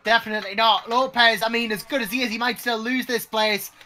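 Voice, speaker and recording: A man's voice: very high-pitched, level tone, a little fast, sharp tone. A man giving conversational live race commentary as a co-commentator, chatty and emphatic, repeating his points. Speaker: motor racing co-commentator.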